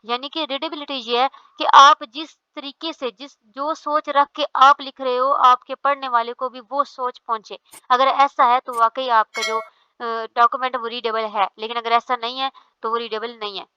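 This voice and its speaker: Woman lecturer, slightly high voice, explains step by step. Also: steady tone, moderate pace, sharp tone, clear, resonant tone, dry recording, lo-fi sound. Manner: explains step by step, often says "theek hai".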